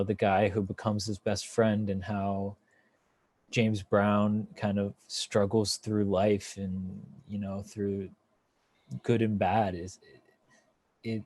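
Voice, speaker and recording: A man's voice: on the low side, mellow, no echo. A man hosting a casual film review chat, talking with enthusiasm and rambling through fillers and restarts. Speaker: podcast host.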